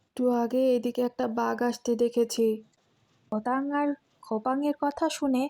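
A woman's voice: on the high side, fairly even intonation, normal speed, mellow. A woman reading scripted narration for a children's moral story, as its storyteller. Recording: clear background noise.

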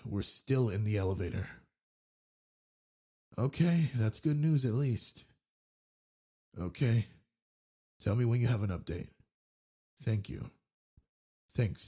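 In an intimate roleplay audio drama, a man voices a confident, flirtatious werewolf alpha, teasing and tender toward the listener yet exasperated. His voice is husky, gravelly, dark, and fairly low.

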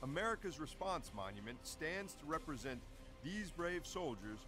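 Man narrating a military doc, solemn and measured, voice moves a lot, music loud behind. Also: on the high side, very animated. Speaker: documentary narrator. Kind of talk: scripted documentary narration.

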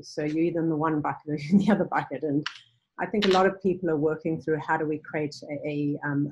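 Interviewed over video from her bookshelf-lined home room, this South African nonprofit founder, middle-aged, answers thoughtfully while often saying "um" and starting over. Her low-pitched voice is darkish with a breathy edge, and the recording quality is poor.

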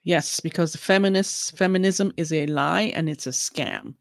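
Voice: medium pitch, moderate pace, vocal fry, no room sound, clean studio sound. A podcast host agreeing emphatically in a casual discussion.

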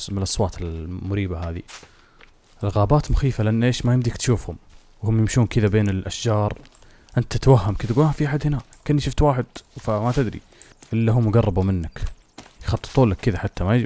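A man's voice: on the low side, a little mellow. A young man giving jokey, easily spooked commentary while playing a survival game for his viewers. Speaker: gaming host. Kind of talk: casual let's-play commentary.

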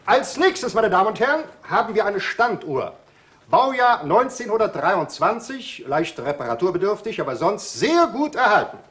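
A brisk auctioneer who coaxes the room with a sing-song patter. His voice sits high and swings widely as he rattles off prices and talks up the goods. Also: sing-song, a bit bright. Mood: coaxing, salesmanlike. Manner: sing-song calling of bids, coaxing. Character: brisk male auctioneer selling old furniture.

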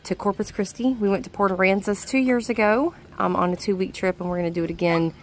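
A woman's voice: mid-range voice, steady tone, quick pace, slight background noise. A woman chatting casually to the camera in a vlog, laughing often, recorded outdoors on a docked boat. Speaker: vlog co-host.

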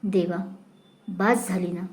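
A woman voicing a young man praying quietly. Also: on the low side, steady tone, slow pace, voice pushed down. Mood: pleading. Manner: hushed, pleading.

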